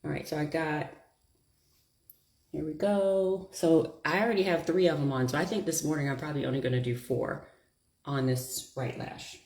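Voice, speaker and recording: Woman, low voice, chatty, self-deprecating, live makeup chat, roomy echo. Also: fairly even intonation, normal speed, darkish tone. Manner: chatty, self-deprecating, thinks aloud while working. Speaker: beauty vlogger. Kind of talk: casual live chat while doing makeup.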